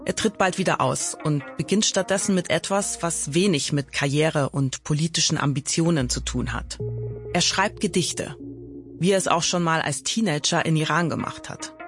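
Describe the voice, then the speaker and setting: A woman hosting a podcast, narrating a documentary story in a calm, measured way. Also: low voice, faint music behind.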